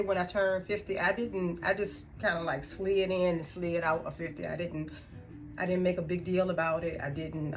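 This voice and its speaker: A woman in her fifties chatting casually to camera as a vlogger, laughing often between thoughts. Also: on the low side. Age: 50s. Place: indoors, room with music she turned off.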